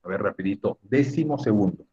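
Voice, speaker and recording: Male teacher, husky voice, low-pitched, online class, dull lo-fi audio. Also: animated, brisk, warm tone. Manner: chatty, joking asides to students. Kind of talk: online spelling lesson.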